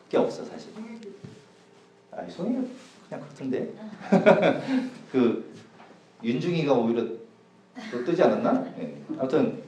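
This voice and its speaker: Youth pastor, a man, casual sermon: lively swings in pitch, mellow tone, echoey hall. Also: a little hiss or hum. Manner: chatty, jokes with the audience, swings loud and soft. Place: church hall. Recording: echoey church hall, from a distance.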